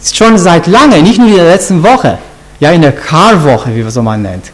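A man with a high voice that swings widely as he preaches, teaching scripture in an informal way. He keeps turning to his listeners with questions and often breaks off to restart his sentences. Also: expressive, normal speed.

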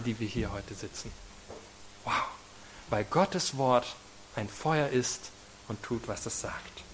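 A man delivering a church sermon with strong emphasis, his voice sitting a little high for a man. He swings between loud, stressed words and quiet, drawn-out phrases, often checking in with the congregation through short rhetorical questions. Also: slight background noise. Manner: emphatic, varying loudness, slows on key phrases, asks the congregation "oder?". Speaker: preacher.

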